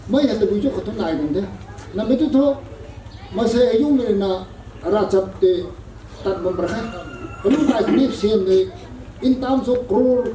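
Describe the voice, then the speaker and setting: A man preaching a sermon at a prayer meeting, measured and slow, with English words slipped in. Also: high voice, noisy background. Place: prayer gathering hall. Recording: echoey hall, voice from a distance.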